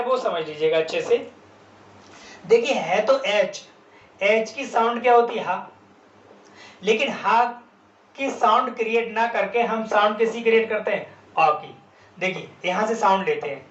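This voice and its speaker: A male English teacher giving a classroom grammar lesson, spelling words out letter by letter and answering his own questions. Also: sits high. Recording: roomy, distant, dull lo-fi sound with faint background noise.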